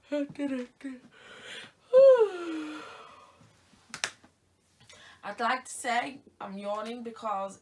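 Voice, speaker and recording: A woman's voice: medium pitch, a little hiss or hum. A woman vlogging in a playful, teasing, chatty way, cooing sing-song sounds between remarks. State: short of breath near the end. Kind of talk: casual chatty vlog.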